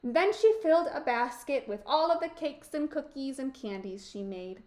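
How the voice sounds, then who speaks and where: A woman teacher reading a picture book aloud in a slow, expressive, emphatic way. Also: high voice. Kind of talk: storybook read-aloud.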